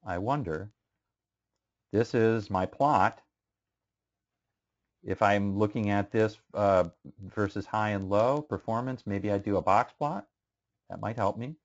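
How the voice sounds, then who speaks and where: A man's voice: on the low side, takes it slowly, pauses often. A male instructor giving a casual statistics lecture, asking students questions and using many fillers. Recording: muffled lo-fi classroom recording.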